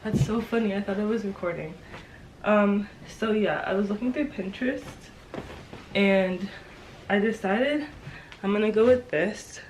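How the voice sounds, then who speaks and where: A young woman vlogger with a slightly stuffy nose talks in an informal, halting way. Her voice sits at an average pitch and carries a light nasal congestion from a cold. There is some background noise around her. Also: darkish tone, rough recording. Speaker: sewing vlogger. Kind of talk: casual chatty vlog.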